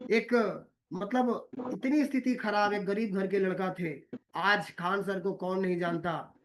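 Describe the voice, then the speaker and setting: A man delivers a motivational talk in a notably high voice. He circles back over his own phrases and pauses on filler sounds. He keeps addressing his listeners fondly as "my dear". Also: a little hiss or hum. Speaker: motivational speaker.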